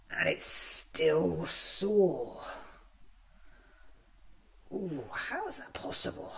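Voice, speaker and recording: Slow, musing Doctor, played by a man, lively pitch. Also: vocal fry, exaggerated voice. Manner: muttering to himself, halting, deliberate. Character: newly regenerated time-travelling alien doctor, musing, quirky, self-examining. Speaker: ASMR roleplay performer. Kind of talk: soft-spoken ASMR roleplay monologue.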